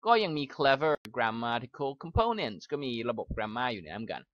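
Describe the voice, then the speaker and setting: Thai man teaching English, slow and careful. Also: mid-range voice, sing-song, fairly bright tone, dry recording. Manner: slow careful reading, then quick chatty explaining. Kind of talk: reading aloud and explaining in a lesson. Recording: slightly dull, dry recording.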